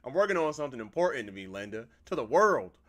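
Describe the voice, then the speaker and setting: A man's voice: mid-range voice, sing-song, fast talker, natural voice. A man reading aloud the lines of a cold, dismissive husband in a game, delivered curtly.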